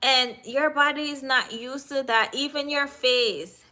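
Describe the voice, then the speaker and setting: A woman's voice: high voice, steady tone, a little slow, bright, forceful tone. A woman from Jamaica with a Jamaican accent, chatting casually with viewers on a livestream, teasing them and answering their comments. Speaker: livestream host.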